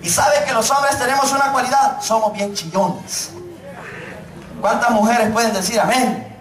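A middle-aged pastor preaching a sermon, joking and calling out to his congregation, then slowing down to stress his points. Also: extremely high pitch, fairly bright tone, distant mic. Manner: joking, calls out to the congregation, preaches slowly for emphasis. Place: church hall. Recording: echoey church room, mic from afar.

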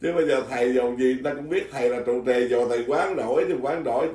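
A man, a Buddhist monk telling stories from his life in easy conversation. He talks in an animated way, laughs often and trips over his restarts. The recording carries a clear echo, and he sits some way from the mic. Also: medium pitch, racing. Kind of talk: casual storytelling chat. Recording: echoey room, mic at a distance.

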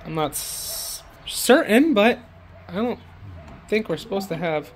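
Vlogger, man, 30s: slow, rambling, casual; handheld camera outdoors, faint ambience. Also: high voice, big pitch swings, slight background noise. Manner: laid-back, rambling with fillers. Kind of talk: casual vlog walkthrough. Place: outdoor yard by woods. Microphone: handheld camera at arm's length.

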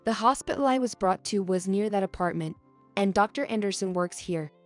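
A young adult woman reading a first-person story aloud as narrator, in a soft, earnest storytelling manner. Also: medium pitch, fairly quick, faint music behind.

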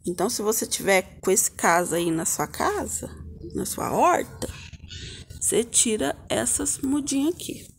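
Chatting warmly to her "little friends," a Brazilian woman demonstrates gardening by hand in an outdoor yard with potted plants, keeping things homely and informal. Her gravelly voice sits on the high side, swinging widely in pitch at an unhurried pace. A little hiss or hum is present.

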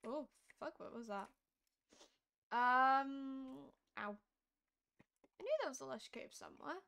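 A hoarse woman who is losing her voice, chatting casually and thinking aloud while live-streaming a game. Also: fairly high pitch, very animated, a little fast. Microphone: streaming mic.

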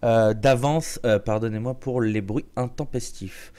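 A man giving casual live commentary on his own gameplay, joking and chatty, with a slightly sore throat that makes him clear it now and then. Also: mid-range voice, steady tone, measured pace, warm tone. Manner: joking, chatty, many restarts and fillers. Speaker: game streamer.

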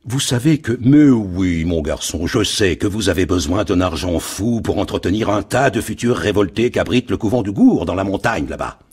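A man's voice: deep voice, animated, moderate pace, hardly any pauses, a little mellow, husky. A man voicing a scheming, greedy shipowner with a metallic, mocking voice. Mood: gloating. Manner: mocking, gloating. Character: greedy scheming middle-aged male shipowner.

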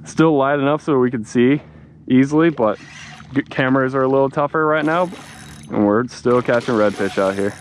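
A young man hosting a fishing vlog from a small boat at dusk, chatting casually and excitedly, saying "dude" a lot. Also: mid-range voice, moderate pace, slight background noise. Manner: excited, laid-back, says "dude" a lot. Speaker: fishing channel host. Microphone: action camera mounted on cap.

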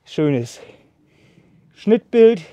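Out in a leafy meadow beside some trees, a bushcraft channel host in his thirties gives a casual saw demo, chatting with lots of fillers and pausing as he cuts. He's slightly out of breath from sawing, and his high voice swings widely in pitch with a dark tone. A far-off tripod camera picks him up, and the recording sounds muffled.

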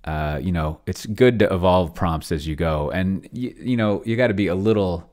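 A forty-something man does casual livestream chatter in his small home office, bookshelves around him and a large desk mic right in front of him. His low-pitched voice is a little mellow, and his speech is halting, digressive and self-interrupting.

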